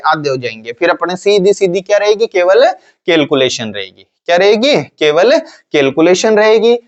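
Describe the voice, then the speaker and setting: A man with a high, light voice teaches a class, asking a question and then answering it himself in a lower voice. His talk is casual and repetitive. The recording sounds dull and lo-fi. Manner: asks questions and answers them himself in a low voice. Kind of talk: classroom lecture.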